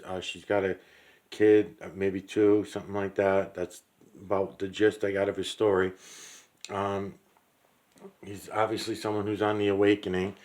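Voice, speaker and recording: A man vlogging a rambling monologue to camera, meandering with many fillers and restarts, blunt and swearing. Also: fairly low pitch. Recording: roomy echo.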